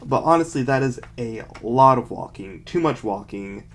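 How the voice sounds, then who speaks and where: A young man speaks casually at an average pitch, as a vlogger would. He reads short bits aloud and picks them apart with mocking, self-deprecating commentary. His asides are dry and sarcastic. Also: lively intonation, normal speed, a little hiss or hum. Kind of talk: casual commentary, reading aloud from a childhood book.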